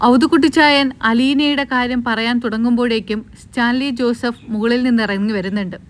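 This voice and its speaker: A woman with a slightly high voice narrates a TV serial episode in a relaxed, flowing way. She moves through the scenes like a friend catching you up on the story. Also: brisk. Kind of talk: casual retelling of a TV serial episode.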